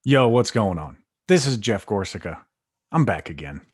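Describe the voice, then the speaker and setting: A man's voice: fairly low pitch, sing-song, moderate pace, slightly rough, dry recording, clean studio sound. A man co-hosting a casual chat about acting, talking in a laid-back, easygoing way with plenty of fillers. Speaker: co-host.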